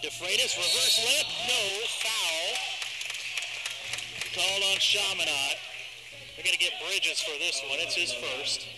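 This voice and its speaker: A man in his forties calling live basketball play-by-play with rapid, excited calls of each play, in an arena. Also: high voice. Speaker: play-by-play commentator. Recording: loud arena crowd noise behind.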